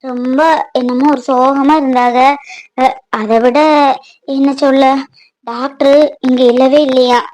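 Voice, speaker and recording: A woman's voice: high-pitched, little pitch movement, a little slow, pauses often, low-quality recording. A caring young village woman. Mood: confiding. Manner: confiding, gently reassuring. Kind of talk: cartoon voice acting.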